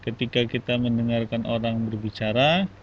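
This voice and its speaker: A man, teaching an online English class and giving feedback in a slow, halting way. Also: medium pitch, steady tone, lo-fi sound, a little hiss or hum. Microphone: online class audio.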